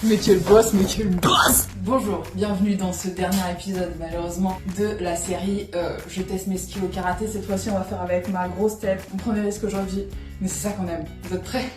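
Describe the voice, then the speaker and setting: A woman's voice: lowish voice, little pitch movement, brisk. A young woman hosting a playful mock show, boastful in fun and laughing. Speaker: vlogger. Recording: echoey room, from a distance. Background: loud music.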